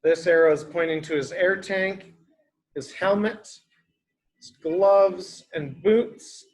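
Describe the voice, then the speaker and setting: The audio is poor on this clip of a high-voiced man reading a picture book slowly to young children. He keeps his explanations simple and repetitive, quizzing the kids like a teacher.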